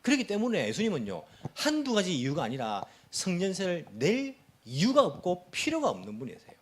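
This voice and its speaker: Male pastor, sermon, very lively swooping pitch, slightly high voice, acts out the quotes. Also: a little fast, breathy edge. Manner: animated, acts out quoted speech; asks the congregation questions.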